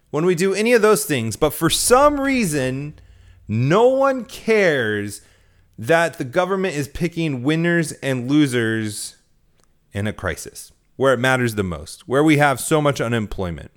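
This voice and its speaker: A man's voice: mid-range voice, animated, a little slow, smooth. A tired man hosting his own podcast, talking casually and rising into emphatic rhetorical questions. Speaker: podcast host. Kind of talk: casual political commentary.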